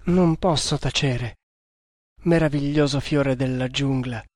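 A man's voice: medium pitch, takes it slowly, darkish tone, dry recording, clean studio sound, close to an everyday voice. A man reading an audiobook, voicing a young snake hunter who speaks with ardent passion. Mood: passionate. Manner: ardent, impassioned.

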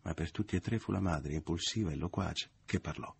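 Male narrator, very deep voice, husky and rough, measured audiobook reading. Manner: measured, even literary narration.

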